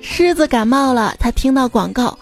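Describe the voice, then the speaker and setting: High-voiced playful woman telling jokes. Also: normal speed, music in the background. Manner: playful, lively, giggling at punchlines. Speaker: storyteller. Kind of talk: joke storytelling.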